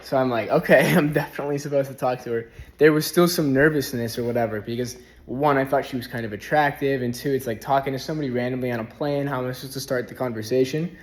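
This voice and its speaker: A young man talking casually in a spiritual vlog from a rented house, relaxed and rambling, filling his speech with "like". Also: mid-range voice, fast talker, hardly any pauses, slight background noise. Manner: relaxed, rambling, heavy use of "like". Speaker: spiritual vlogger.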